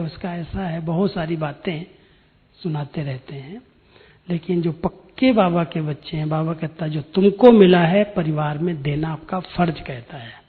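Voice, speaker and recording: A man, giving a spiritual discourse and telling his own story in an earnest, direct way. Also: fairly high pitch. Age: 60s. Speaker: spiritual speaker. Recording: tinny phone-like sound in a hall with long reverb.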